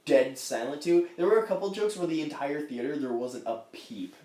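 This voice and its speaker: A young man talks animatedly in a slightly high, lively voice. He swears freely and slips into silly, high-pitched impressions, and a noticeable room echo hangs on every word. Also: fairly quick. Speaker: podcast co-host. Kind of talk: casual comedic movie review chat. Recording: echoey room.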